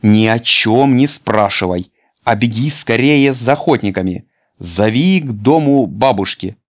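A man's voice: medium pitch, lively intonation, unhurried, voice pushed up. A man playing an urgent, bossy schoolboy. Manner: urgent, insistent.

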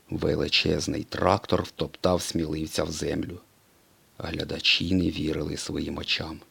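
A man reading a children's storybook aloud in an expressive, dramatic way. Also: sits low, creaky, slightly rough. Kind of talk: storybook narration.

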